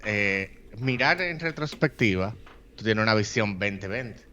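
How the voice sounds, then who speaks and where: In casual chat, a man co-hosting a podcast explains things at length in a lowish, bright, forceful voice, a little slow but with lively intonation. He rambles, slips in English phrases, and uses lots of "eh" fillers. The audio is dull, with slight background noise.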